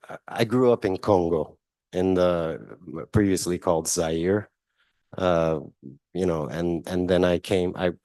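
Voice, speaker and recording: Very deep-voiced hesitant man. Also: a little mellow, no room sound. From Italy. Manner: hesitant, many fillers and restarts; light laughs. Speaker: guest journalist. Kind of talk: answering audience questions.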